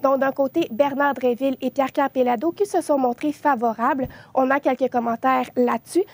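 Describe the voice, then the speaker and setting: Young woman, news reporter, high voice, hesitant, many fillers. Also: steady tone, brisk, darkish tone. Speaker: social media news reporter.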